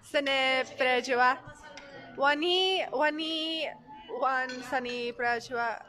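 A woman's voice: sits high, extremely slow, pushed and bright. A young woman filming a casual vlog in a restaurant, bubbly and talking straight to her viewers. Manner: bubbly, addresses viewers directly. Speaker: pageant contestant vlogging. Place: busy restaurant indoors. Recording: crowded restaurant chatter behind.

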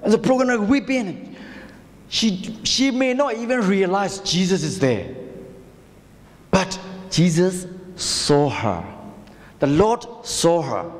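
A male pastor preaching a sermon in a church hall, in a halting, repetitive way with rhetorical questions. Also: high-pitched. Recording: long church hall reverb.

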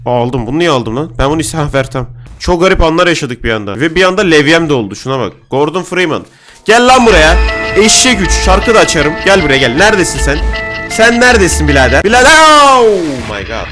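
Excitable young man yelling over game music. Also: a little high, fast. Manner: loud, jokey, shouting at game characters. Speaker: gaming YouTuber. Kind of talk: excited let's-play commentary.

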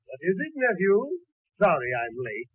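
A man's voice: sits high, very animated, moderate pace, no echo, phone-quality sound. A man playing a grumbling, wisecracking older uncle in a 1940s radio comedy. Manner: dry, sarcastic quips.

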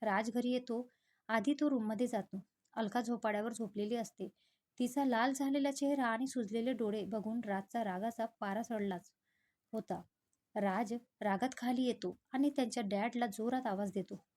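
A woman reading a scripted family story aloud in a steady, even storytelling manner. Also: fairly high pitch, normal speed.

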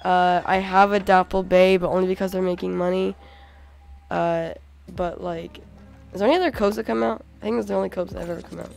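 A young gaming channel host with a cold speaks a little fast in a lowish, hoarse, worn voice while she plays. Her casual commentary is excitable and full of "oh my god" and "like," and faint, soft game music plays underneath.

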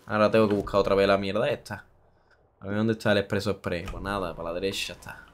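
A man's voice: low voice, little pitch movement, quick pace, slight background noise. A man from Spain streaming a game, joking crudely, swearing and chanting a vulgar singsong rhyme. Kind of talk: casual gameplay commentary.

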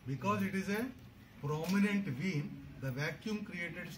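A man's voice: sits high, measured pace. Indian-accented male instructor, distant and noisy. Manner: instructional, step-by-step, mixes English and Hindi. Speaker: medical instructor. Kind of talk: hands-on clinical demonstration to a group. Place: crowded indoor hall. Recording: noisy room, picked up from afar.

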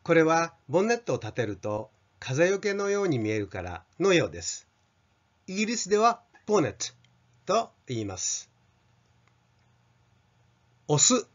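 A man's voice: a little high, big pitch swings, normal speed, long pauses. An older Japanese man teaching an English pronunciation lesson, carefully modelling sounds for students to repeat. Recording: slightly dull lo-fi sound.

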